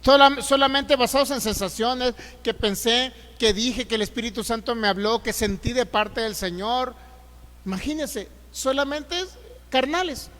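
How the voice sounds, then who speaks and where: A Mexican man preaching in a church hall, his voice sitting unusually high for a man. He slows down and gets louder whenever he reads scripture, then drives the point home with rhetorical questions to the congregation. A long reverb trails behind every phrase. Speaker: pastor. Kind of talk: sermon.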